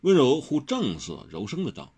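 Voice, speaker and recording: A man reading a martial-arts novel aloud with a dramatic, lively delivery. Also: mid-range voice, moderate pace, breathy edge. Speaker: narrator. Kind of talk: expressive storybook reading.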